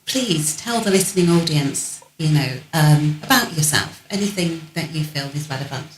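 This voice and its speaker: A woman's voice: low-pitched, lively intonation, normal speed. Effusive woman radio host, echoey. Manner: effusive, gushing with thanks. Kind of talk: radio interview. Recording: echoey room with faint noise.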